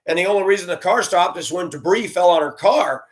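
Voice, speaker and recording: Briskly and in a high voice, an ex-school bus driver opens up about his own experiences. The telling is candid, heartfelt, and earnest, and he airs his frustrations as he goes.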